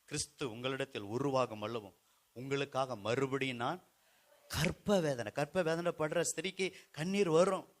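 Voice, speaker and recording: A male pastor with a Tamil Nadu accent preaching a church sermon with passion, moving between quiet, low stretches and loud, lifted calls. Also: unhurried. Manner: impassioned preaching that swings from soft to loud.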